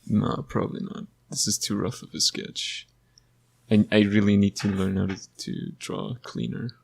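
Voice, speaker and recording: A man's voice: lowish voice, little pitch movement, moderate pace, vocal fry, a little mellow, slightly rough. A man in his twenties co-hosting a casual chat while drawing, laid-back with dry jokes. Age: 20s. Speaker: co-host.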